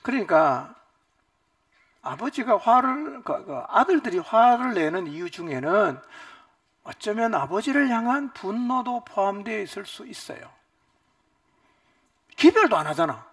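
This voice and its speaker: Lively high-voiced pastor preaching. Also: male voice, a little slow, pauses often, slightly rough, no room sound, studio quality, recorded from a distance. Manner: animated, shifts between loud outbursts and quiet asides. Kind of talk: retreat Bible lecture. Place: church retreat hall.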